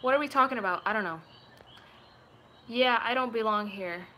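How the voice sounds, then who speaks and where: A twenty-year-old woman from Puerto Rico, a video creator, rambles playfully to her viewers in a casual live chat, slipping into fake accents and voices. Her voice sits on the high side, with a sharp tone at normal speed. She records indoors in a small home room on a noisy webcam.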